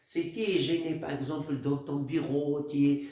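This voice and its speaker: Halting male teacher explaining a poem, slightly high voice, booming echo of a bare room. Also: steady tone, dark tone, muffled recording. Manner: halting, repeats words, stresses key phrases. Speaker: literature teacher. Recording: very echoey room.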